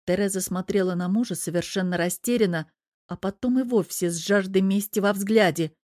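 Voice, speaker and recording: Lady narrating a novel, expressive, close dry mic, mid voice. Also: mid-range voice, a little fast, no room sound. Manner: expressive storytelling. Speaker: audiobook narrator. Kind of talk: scripted narration.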